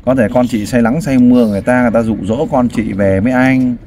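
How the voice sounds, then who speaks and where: A man's voice: medium pitch, fairly even intonation, quick pace, dark tone. A man hosting a street interview, prompting and sympathetic, often sighing. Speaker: host interviewing a family. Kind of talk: street interview, casual and caring.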